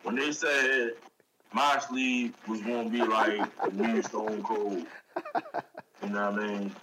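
A man in casual podcast chat with slangy, profane, excitable frat-bro banter. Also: on the low side, slow pace, very noisy. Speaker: podcast host. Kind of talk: casual chat about pro wrestling.

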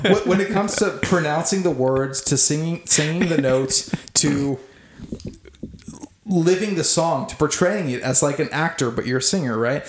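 A man's voice: fairly high pitch, moderate pace, echoey room, a little hiss or hum. A man, a band singer, chatting casually on a podcast, rambling with restarts and swearing.

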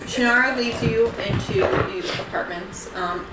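A woman's voice: on the high side, normal speed. A woman narrating a tabletop game casually as game master, in a hesitant, conversational way. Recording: roomy, distant mic, music behind.

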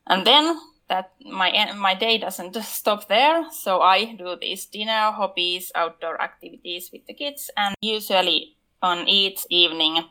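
A woman's voice: mid-range voice, a little slow, sharp tone, low-quality recording. A woman from Finland speaking English with a Finnish accent as a non-native speaker, chatting carefully on a podcast. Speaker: podcast panelist. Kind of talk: casual podcast chat.

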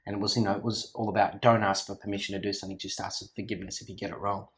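This Australian company founder has a lowish voice and a flat delivery, talking very fast. Chatting in a casual office interview, he's energetic and rambling, with frequent restarts and fillers.

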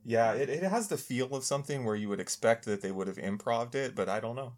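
A man's voice: mid-range voice, fairly quick, darkish tone. A man co-hosting a podcast, casually chatting about a comedy film, laughing often and restarting his sentences. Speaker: podcast co-host. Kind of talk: casual film review chat.

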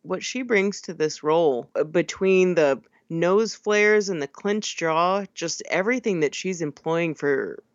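A woman talks through a movie in loose, casual podcast chat, full of "like" and "I mean" and quick laughs. The sound is dry and close, a little dull and lo-fi. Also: fairly low pitch, no room sound. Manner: chatty, laughs often, many fillers. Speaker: podcast co-host. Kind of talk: casual film discussion.

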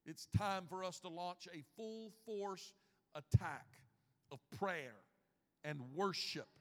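A man in his fifties preaches with a notably high voice, dropping to a near hush and then rising to emphatic bursts. His words ring out with a long reverb tail from the church hall. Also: slow pace. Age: 50s. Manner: preaching with big swings in loudness, from hushed to shouting. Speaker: pastor. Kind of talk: sermon. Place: church sanctuary.

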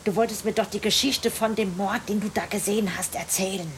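A woman's voice: medium pitch, steady tone, brisk, slight background noise, natural voice. A woman voicing a chatty, nosy old woman who is half-deaf, rambling and soothing in a radio play.

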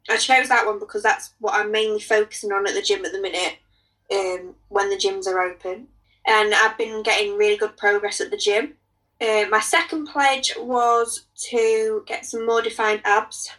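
A woman's voice: fairly high pitch, pushed and bright, distant mic, rough recording. A young woman casually running through a list of her fitness goals in a plain way. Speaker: participant sharing fitness goals. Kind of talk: casual chat.

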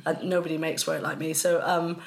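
A woman artist, the guest, explaining her work in an articulate, lively way. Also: low voice, fairly quick, creaky. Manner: articulate, lively, laughs between phrases. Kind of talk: casual interview chat.

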